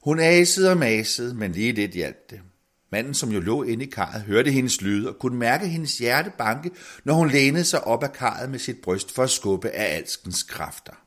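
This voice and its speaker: A man narrating a fairy tale with expressive, sweeping intonation. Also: medium pitch. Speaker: storyteller.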